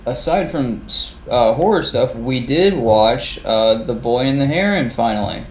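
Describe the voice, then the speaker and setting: A man's voice: medium pitch, lively intonation, unhurried. A man co-hosting a podcast in casual chat, rambling and swearing as he acts out his reactions. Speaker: podcast co-host. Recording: roomy echo.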